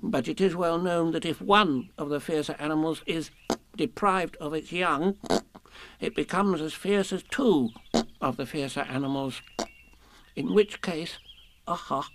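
A man's voice: on the high side, unhurried, creaky, a bit bright, voice pushed up. A man voicing a very small, anxious storybook piglet, hesitant and faltering. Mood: nervous, hesitant.

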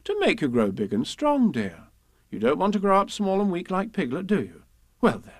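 A man voicing a motherly female kangaroo in a children's storybook, brisk, fussing and soothing yet firm. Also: sits high, sing-song, no echo, studio quality, voice pushed up. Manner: fussing, cheerful, mildly scolding.

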